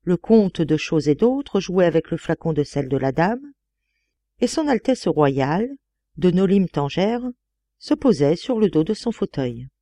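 A woman reads a classic tale aloud at an unhurried pace, her voice mellow and richly varied in pitch. The recording is close and dry. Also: no room sound. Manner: deliberate, expressive reading. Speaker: audiobook reader. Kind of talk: literary audiobook narration.

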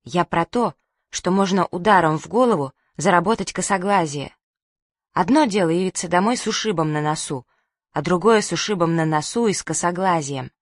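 A woman's voice: lowish voice, no echo, lightly acted. A woman reading the part of a bossy, stubborn little girl who snaps indignantly, in a dry close recording. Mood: scheming. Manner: indignant, quick to snap.

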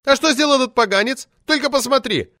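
A woman's voice: high-pitched, fast talker, a bit bright, no echo, studio quality, pitched above the performer's own voice. A man voicing a pompous, imperious woman poet who shrieks her indignation and keeps invoking powerful friends, in an audiobook reading. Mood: shrill outrage. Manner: shrieking, indignant, name-dropping.

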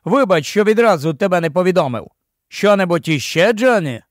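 A man voicing a calm, commanding army captain who speaks to his young officer in a steady, patient, gently scolding way. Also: sits high, brisk, dry recording, clean studio sound.

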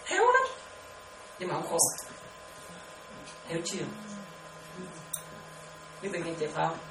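A Buddhist nun teaching meditation gives a dharma talk in a low-pitched voice at a measured pace. She's lively, laughs often, and keeps asking questions to make sure her listeners follow; the recording is noisy, with an echoey room and a distant mic.

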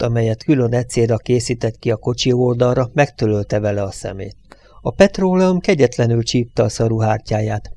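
A man reading an audiobook in a calm, measured narrating voice. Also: mid-range voice.

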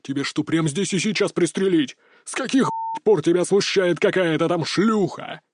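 A man's voice: high-pitched, normal speed, dry recording, clean studio sound. A man voicing a hot-tempered, crude male mafia boss who roars and swears. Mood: furious. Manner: roaring, swearing outbursts.

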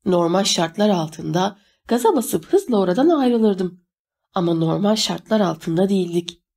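Brief: woman audiobook narrator, mid pitch, lively animated reading. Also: slightly rough. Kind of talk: scripted narration.

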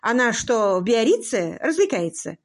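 A woman's voice: fairly high pitch, big pitch swings, moderate pace. A woman voicing an absent-minded elderly earl in his sixties who talks in a dreamy, distracted, rambling way in an audiobook. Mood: puzzled.

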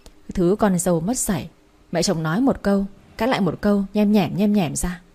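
A woman's voice: medium pitch, fairly quick, mellow, slightly rough. A woman voicing a harsh older mother-in-law who berates her daughter-in-law in a spoken story. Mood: scolding.

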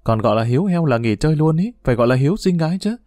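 A man's voice: fairly high pitch, sing-song, rapid-fire, mellow, dry recording. A man voicing a playful, teasing teenage schoolgirl, in a story read aloud, recorded dry. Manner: teasing, coy.

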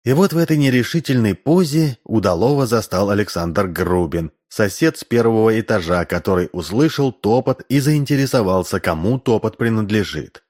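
Man, audiobook narrator, lively reading, fairly low voice. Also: normal speed, hardly any pauses. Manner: lively, character-voicing reading.

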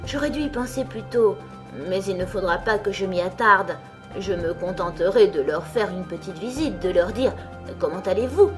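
A woman's voice: medium pitch, expressive, soft background music, natural voice. Alice, a woman doing a curious little girl's voice. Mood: musing. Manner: puzzled, thinking aloud, slow and searching. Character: curious young girl, a little timid and earnest.

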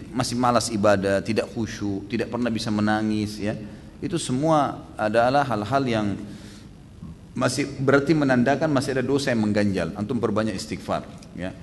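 A man preaching and answering questions at a religious study session, fast and emphatic, with many rhetorical questions. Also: mid-range voice, big-room sound, slight background noise.

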